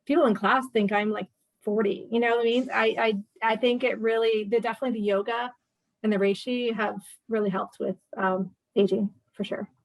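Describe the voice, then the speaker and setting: A woman's voice: on the high side, steady tone, brisk, no echo, highs cut off. Chatty woman in her fifties, dry sound. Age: 50s. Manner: chatty, with many fillers and restarts. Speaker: guest. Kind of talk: casual interview chat.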